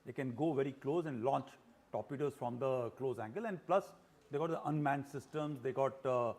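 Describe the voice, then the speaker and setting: A man with an Indian accent giving expert news commentary as a military analyst, explaining in halting phrases with pauses mid-sentence. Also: medium pitch, a little mellow. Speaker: military analyst, retired general.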